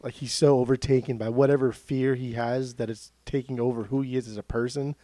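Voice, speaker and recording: A man with a mellow, warm-toned voice talks easygoing and reflective in a casual podcast chat. He sits close to the mic, and the sound is dry and dead. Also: mid-range voice, fairly even intonation, brisk, no echo. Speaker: podcast co-host.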